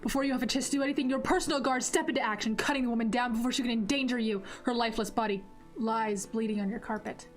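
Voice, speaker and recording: A woman's voice: fairly high pitch, fast. Rambling woman streamer reading a game. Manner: rambling, self-deprecating, reads narration aloud. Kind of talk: casual game playthrough, reading text aloud. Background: soft background music.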